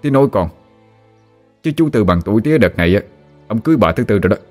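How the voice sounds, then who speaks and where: A man's voice: on the low side, lively intonation, quick pace, darkish tone, soft background music, natural voice. A man with a Southern Vietnamese accent voicing an exasperated grown son who protests against his father. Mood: protesting. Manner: protesting, raised voice.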